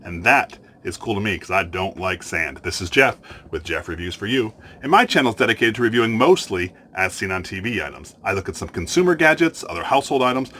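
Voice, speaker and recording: Male product reviewer, low voice, chatty and upbeat, casual beach review. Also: very animated, a little fast, pushed and bright, slight background noise. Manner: chatty, upbeat, thinking aloud. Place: beach, outdoors.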